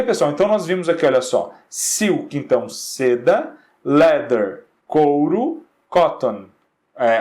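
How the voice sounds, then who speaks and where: A man teaching an English lesson, his voice rising and falling in a lively way as he explains. He sits a little higher than most men and keeps checking in with his class. He slows right down to model each English word. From Brazil.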